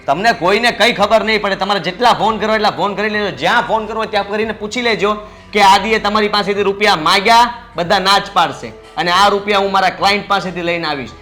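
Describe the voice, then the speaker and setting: A smug, idle young adult son talks back to his father defiantly with mocking retorts, speaking fast in a high, bright voice. Faint music plays underneath him.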